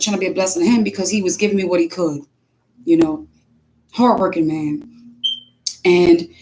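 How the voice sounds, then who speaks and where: A mother speaking casually, telling an animated spiritual testimony full of restarts and acted-out quotes. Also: mid-range voice.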